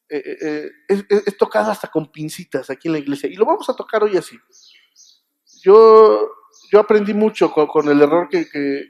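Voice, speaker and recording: A man with a Mexican Spanish accent delivers a Sunday sermon in a church. His voice sits high for a man, and he speaks conversationally, stopping to ask the congregation if they agree. He often restarts and repeats words. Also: a little mellow. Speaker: preacher.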